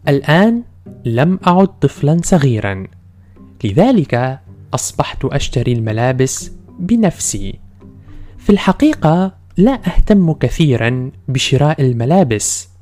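A man's voice: medium pitch, sing-song, moderate pace, a little mellow, soft background music. A man speaking careful, formal Standard Arabic, narrating a scripted language-lesson podcast as host and teacher.

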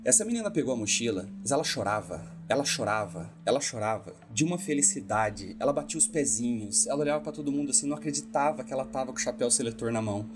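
A man's voice: mid-range voice, fast, few pauses. A man telling stories as a hypnotherapist guest in a casual podcast talk, acting out the voices he quotes. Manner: animated, acts out the voices he quotes.

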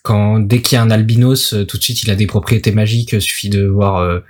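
A man's voice: on the low side, fairly even intonation, quick pace. A young man co-hosting a casual chat, blunt and slangy. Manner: slangy, blunt, laughs at his own remarks. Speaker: co-host.

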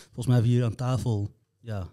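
A man hosting a casual discussion, lively and opinionated as he leads the talk. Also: medium pitch, fast. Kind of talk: casual chat.

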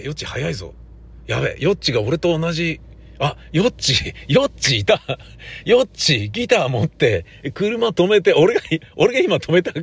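A man hosting a casual solo podcast, rambling and joking at himself as he talks to himself in a parking lot on a handheld recorder. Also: mid-range voice. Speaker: podcast host.

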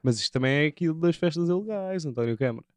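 A man with a European Portuguese accent co-hosting a podcast, giving opinions in casual banter and often trailing off quietly. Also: on the high side, lively intonation, fast talker, no echo. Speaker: podcast co-host.

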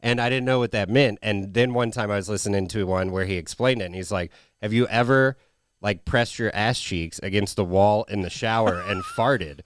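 A man's voice: on the low side, moderate pace, clean tone, no echo, clean studio sound. Crude, swearing podcast guy. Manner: crude, laughing, swears freely. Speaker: podcast co-host. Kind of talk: casual chat.

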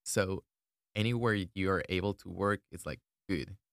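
A man's voice: deep voice, steady tone, moderate pace, vocal fry, no room sound, studio quality. A young man, chatting in a laid-back, thoughtful way as a student guest. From Ecuador. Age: 20s. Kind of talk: casual chat.

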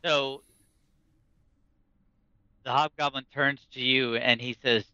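A man with a very bright, forceful voice narrates a tabletop role-playing game as its game master. He improvises as he goes. The recording is dry and slightly dull. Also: medium pitch, fairly even intonation, takes it slowly, smooth, no room sound.

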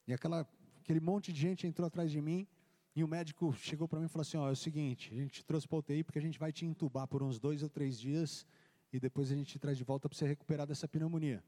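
In a church hall with a long reverb, a pastor gives his testimony during a service, speaking fast in a fairly high-pitched male voice. His storytelling is animated, and he acts out the dialogue as he goes.

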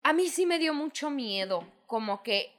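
A woman's voice: sits high, expressive, normal speed. A young woman with a Mexican accent, chatting casually and telling a personal story full of slang, acting out quoted lines. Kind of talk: casual chat.

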